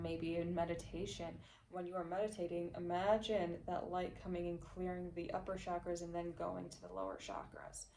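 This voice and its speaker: A woman giving an intuitive tarot reading to her viewers, gentle and encouraging, often checking in with "okay?" and "all right?". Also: lowish voice. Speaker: tarot reader. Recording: voice a bit far from mic, faint background noise.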